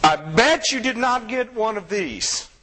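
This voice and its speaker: A man's voice: sits high, lively intonation, unhurried, sharp tone, slight background noise. A man preaching a sermon as pastor, conversational and joking, with asides to the congregation. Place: church sanctuary. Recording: long church reverb.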